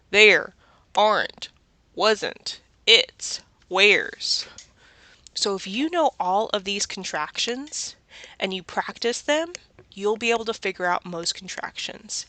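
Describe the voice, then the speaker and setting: Woman, Southern US accent, bright voice, slow patient delivery, dry close sound, children's reading lesson. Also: medium pitch, no echo. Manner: slow, patient, asks questions and answers them. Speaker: teacher.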